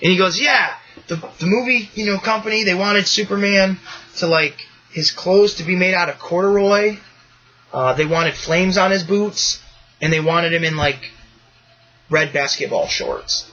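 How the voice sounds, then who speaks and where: A man hosting a podcast in casual chat, excitable and rambling, swearing freely with bursts of enthusiasm. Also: high voice, unhurried, lo-fi sound. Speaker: podcast host.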